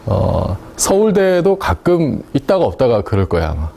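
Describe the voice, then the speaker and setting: A man's voice: medium pitch, huge pitch swings, moderate pace, creaky, warm tone, a little hiss or hum. A man giving a university lecture in a casual, chatty way, often asking the class questions and laughing at his own points. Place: lecture room.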